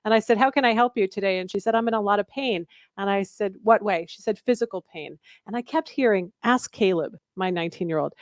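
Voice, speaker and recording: A woman's voice: medium pitch, no room sound, clean studio sound. A woman in her forties, a guest author and coach on a radio talk show, telling a story and acting out the dialogue.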